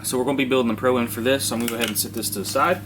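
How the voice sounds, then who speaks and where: A man's voice: medium pitch, rapid-fire, noisy background. Congested man explaining a build. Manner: relaxed, step-by-step, casual fillers. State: congested from a sinus infection. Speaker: airsoft video host. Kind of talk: hands-on how-to demonstration.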